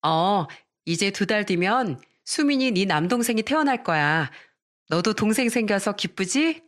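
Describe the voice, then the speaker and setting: A woman's voice: mid-range voice, expressive, a little slow, natural voice. Woman voicing young stepmother, insolent, defiant, sassy, radio drama. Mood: sweet. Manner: sassy, talks back defiantly.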